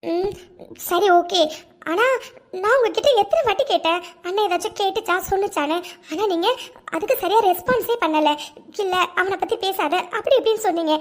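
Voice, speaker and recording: This is a worried young woman in love from a cartoon, voiced by a woman. Her voice sits extremely high, and she frets and questions nervously, apologizing often. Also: normal speed. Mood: reproachful. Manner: keeps asking questions, fretful and apologetic. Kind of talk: cartoon dialogue.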